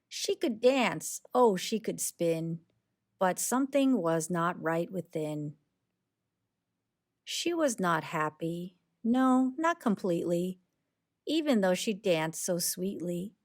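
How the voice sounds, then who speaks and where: Reading a rhyming picture book aloud for children, a woman uses a medium pitch and a deliberate, expressive storytelling delivery.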